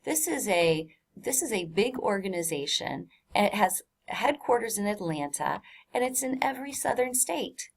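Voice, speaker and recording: A woman's voice: mid-range voice, lively intonation, moderate pace, gravelly, breathy edge. A woman teacher explaining a text in a recorded online lesson, in a casual, chatty way with many fillers.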